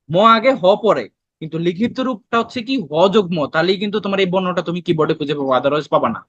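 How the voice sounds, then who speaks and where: Young bangladeshi guy tutoring, high voice, keeps asking students stuff, dry dull recording. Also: no echo. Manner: conversational, asks students questions then answers them, mixes in English words. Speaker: admission test tutor. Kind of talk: online lesson explaining spelling.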